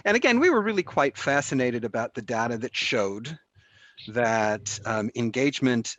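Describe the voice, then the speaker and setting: A man hosting and presenting informally to a small group, often halting as he searches for his words. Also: mid-range voice, expressive, a bit bright. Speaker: session host and presenter.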